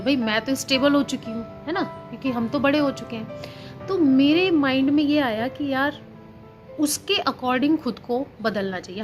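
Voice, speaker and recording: A woman in her thirties with a fairly high voice speaks earnestly, as if chatting casually in a parenting vlog. She repeats points for emphasis and mixes in English words. Faint music plays quietly underneath. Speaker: vlogger, housewife and teacher. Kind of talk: casual chat about parenting.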